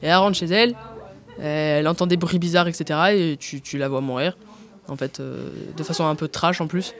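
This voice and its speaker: Brief: woman guest, casual chat, halting delivery full of fillers and trailing "and so on"s. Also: low-pitched. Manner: hesitant, many fillers and restarts; tacks on "and so on" often. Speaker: interview guest.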